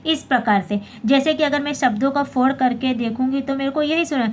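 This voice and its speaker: Woman teacher, high voice, checks in often and corrects herself, faint room noise. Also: fairly quick. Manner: repeats "theek hai" and checks with the class, corrects her own slips. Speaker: Hindi teacher. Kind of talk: explaining a basic grammar lesson.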